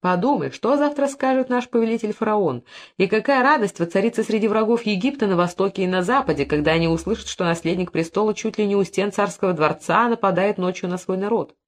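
A man's voice: sits high, fast talker, close to an everyday voice. A woman reading an audiobook, voicing a cautious young male courtier who reasons persuasively. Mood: pleading.

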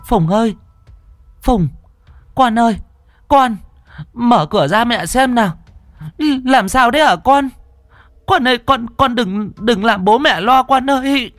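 A man's voice: on the high side, lively intonation, normal speed, pauses often, warm tone, no room sound, clean studio sound, pitched above the performer's own voice. A man voicing a frightened middle-aged mother who calls out shrilly and stammers with worry. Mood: panicked. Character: panicked middle-aged mother, loud and fretful.

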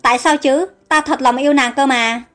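A brooding, resentful outcast prince in a storybook who nurses old grievances, voiced by a woman reading in her own high voice. His lines come out heavy and bitter. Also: steady tone, normal speed, sharp tone. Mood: pleading love.

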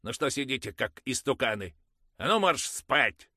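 A man voicing a harsh, pious peasant mother who rants in a high screeching voice. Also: big pitch swings, a little slow, dry recording, studio quality. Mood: ranting. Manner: screeching, ranting.

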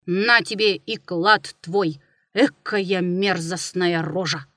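A woman's voice: fairly low pitch, slow, fairly bright tone, no echo, clean studio sound. A woman voicing a grumbling stubborn old grandfather. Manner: grumbling to himself.

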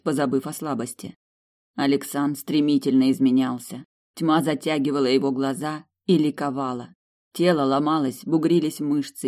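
Woman narrating a first-person audiobook. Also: deep voice. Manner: lively, raises voice in dialogue.

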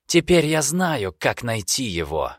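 A cornered young noble who pushes his voice up high and hard in tense, emphatic bursts, as a male narrator puts him on. His voice is pitched well above the narrator's deep one. The sound is close and dry. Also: big pitch swings, measured pace, dry recording. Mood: desperate.

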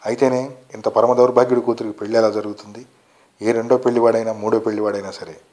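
A man reading a short story aloud as narrator, in a steady, earnest way. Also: on the low side. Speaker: story reader.

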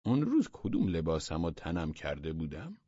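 A man voicing a self-important, forgetful male government minister who talks in a drawn-out, pompous way. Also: deep voice, huge pitch swings, mellow, slightly rough, dry recording, dull audio, heavily acted. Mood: puzzled.

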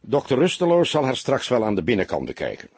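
A man's voice: mid-range voice, huge pitch swings, quick pace, a little mellow, slightly rough, full character voice. A man voicing a weary middle-aged police detective who speaks tersely and with dry sarcasm, barking out notes. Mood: brisk.

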